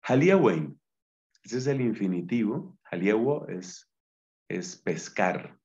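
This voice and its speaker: A man's voice: on the low side, animated, slow, darkish tone. A man, a Dominican friar, giving a Bible Greek lesson and explaining each word patiently. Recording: dull lo-fi sound.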